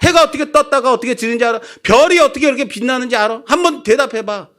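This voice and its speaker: A man voicing God as an older male deity who scolds and challenges with rapid-fire taunting questions. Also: very high-pitched, a bit bright, pitched above the performer's own voice. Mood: challenging.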